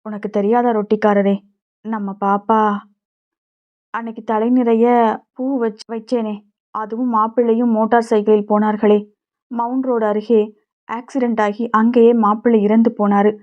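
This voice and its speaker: A woman's voice: on the high side, level tone, moderate pace, long pauses, natural voice. A woman voicing a poor, kindly older flower-selling woman in a storybook reading, talking plainly and colloquially, on a dull lo-fi recording.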